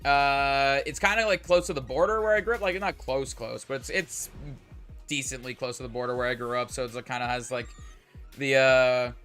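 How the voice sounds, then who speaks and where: A man's voice: mid-range voice, normal speed, fairly bright tone, clean tone, faint music behind. A young man from Canada, with a mostly American accent and a slight Canadian tinge, chatting casually on a live stream and rambling with lots of filler words. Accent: mostly General American, slight Canadian. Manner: rambling, lots of "like" and "uh" fillers, hums while playing.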